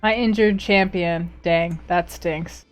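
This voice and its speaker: A woman's voice: on the low side, fairly even intonation, slow, faint music behind. A woman streaming a strategy game live. She reads the event text aloud, reacts with playful exclamations and talks to her chat.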